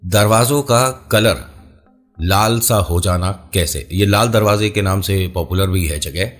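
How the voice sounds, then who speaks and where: A man hosting a casual horror storytelling show, chatting straight to the listener with playful asides. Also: fairly low pitch. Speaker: storyteller and channel host.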